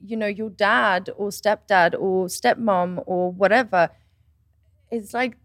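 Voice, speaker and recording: A woman in her twenties tells a personal story in casual chat, her voice swinging up high and loud when she gets excited. She acts out what others said as she talks. The sound is close and dry. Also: slow, no room sound. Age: 20s. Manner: animated storytelling, quoting others.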